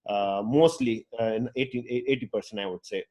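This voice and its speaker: A UX designer from Pakistan talks informally to people online, rambling and sociable, with frequent fillers and restarts; English is his fourth language, not his first. He speaks fairly quickly in a warm, lowish voice.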